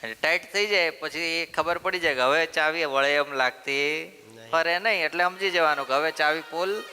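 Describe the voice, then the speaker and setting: A man's voice: fairly high pitch, normal speed, smooth. A man with a Gujarati accent giving a devotional storytelling sermon in a temple, asking his listeners questions and answering them himself. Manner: asks the audience questions and answers them himself, playful teaching tone. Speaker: preacher telling a religious story. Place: temple hall. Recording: temple hall reverb with soft instrumental music behind.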